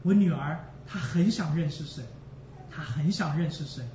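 A man's voice: a little high, normal speed, dark tone, a little hiss or hum. A man preaching a sermon with emotion, repeating phrases for emphasis and speaking straight to the congregation. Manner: addresses the congregation directly. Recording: echoey, distant, dull sound.

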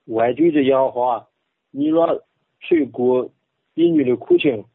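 A modest, quiet man from Henan speaking in Henan dialect as a radio co-host, reading aloud. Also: medium pitch, huge pitch swings, measured pace, gravelly, no echo, narrow, tinny audio. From Henan, China. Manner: modest, quiet, laughs shyly.

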